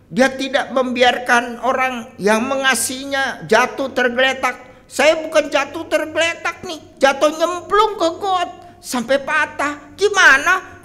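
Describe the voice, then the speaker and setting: A pastor putting on a shrill, aggrieved complainer. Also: male voice, bright, forceful tone, heavily acted. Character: indignant adult man blaming God for his fall. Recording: long reverb of a church hall.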